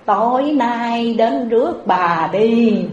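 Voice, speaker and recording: A sly, playful boy novice monk with a Southern Vietnamese accent, put on by a woman preacher. The voice sits a little high. The recording is dull and echoey. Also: lively intonation, takes it slowly, darkish tone, slight background noise. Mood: spooky.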